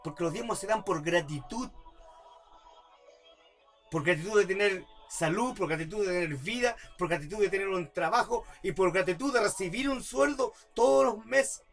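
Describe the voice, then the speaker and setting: A pastor's sermon swells into emphatic outbursts as he repeats rhetorical questions during a church service. His high voice, a bit bright and creaky, moves at normal speed, with soft music playing in the background.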